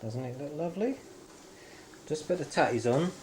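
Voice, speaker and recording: Man, casual home-video commentary, jokey, old camcorder tape, steady hiss underneath. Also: on the high side, moderate pace. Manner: jokey, teasing. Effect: old camcorder tape sound. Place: home kitchen, indoors. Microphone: built-in camcorder mic.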